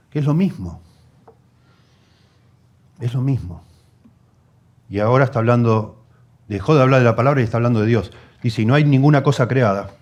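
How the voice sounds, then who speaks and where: A man with a Rioplatense Spanish accent preaching an expository sermon, teaching his congregation with rhetorical questions and emphatic repetition, often dropping to quiet asides. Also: mid-range voice. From Argentina.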